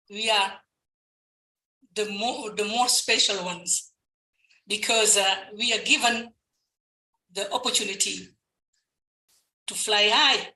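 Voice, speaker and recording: Bright, eager woman in an echoey room. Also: on the high side. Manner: eager, upbeat. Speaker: guest speaker. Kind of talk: enthusiastic speech. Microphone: video call.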